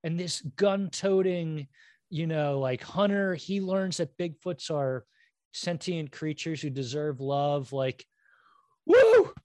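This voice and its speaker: A man's voice: on the high side, slow, darkish tone, no echo. Man, casual movie chat, rambling, self-deprecating, dry close sound.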